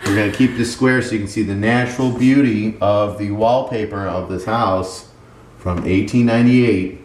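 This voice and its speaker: A man's voice: on the low side, steady tone, normal speed, slight background noise, lightly acted. A man imitating smug previous owners who defend a lazy paint job, in a mock-earnest, sarcastic tone. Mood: mock-proud. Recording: echoey bare room, from a distance.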